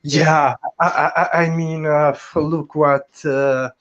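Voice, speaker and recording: A man co-hosting a casual boxing podcast, talking haltingly with many fillers and restarts. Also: a little high, little pitch movement, fairly bright tone. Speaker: podcast co-host. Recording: dull lo-fi sound.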